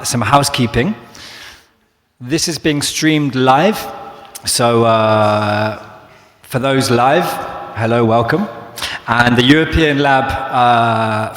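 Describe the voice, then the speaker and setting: A man from London with a London accent, moderating a live panel, talking quickly with fillers. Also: mid-range voice, a bit bright. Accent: London English. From London, England. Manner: quick talker with frequent fillers. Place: large echoey hall. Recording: echoey hall with long reverb.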